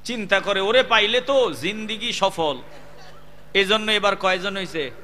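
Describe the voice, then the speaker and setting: A man preaching a waz sermon, swinging between loud calls and low chanting. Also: unhurried, slight background noise.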